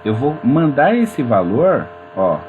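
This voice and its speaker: A man's voice: mid-range voice, huge pitch swings, takes it slowly. Chatty man teaching code. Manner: chatty and informal, addresses viewers as gente. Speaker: programming teacher. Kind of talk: screen-recorded coding tutorial. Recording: mains hum in background.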